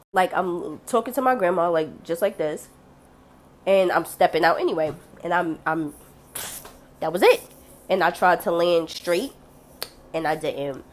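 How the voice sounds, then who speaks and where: A young woman talks straight to camera in a relaxed vlog, her voice sitting a bit on the low side. She is blunt and chatty and swears freely. She jumps into the voices of the people she quotes. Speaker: vlogger. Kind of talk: casual storytelling to camera.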